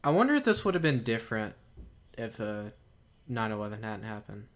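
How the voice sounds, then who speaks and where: A man's voice: fairly low pitch, sing-song, fairly quick, no echo. A man in a casual movie chat, laid-back, swearing casually and laughing often.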